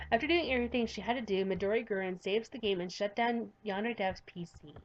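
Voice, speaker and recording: A gameplay streamer with a mid-range voice reads a visual novel's text aloud a little fast, then reacts expressively with sighs and laughs between passages. The audio sounds dull.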